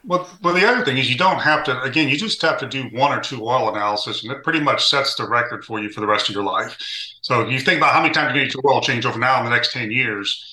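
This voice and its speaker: A man's voice: mid-range voice, quick pace, bright, forceful tone, roomy sound, low-quality recording. A man appearing as a guest on a car podcast, giving plain, practical explanations. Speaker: guest, additive company founder. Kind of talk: casual podcast interview.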